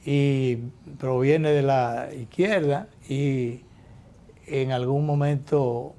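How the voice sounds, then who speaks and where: A man hosting a talk show, offering political commentary in a measured, reflective way with frequent hesitations and restarts. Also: mid-range voice, fairly even intonation, dark tone.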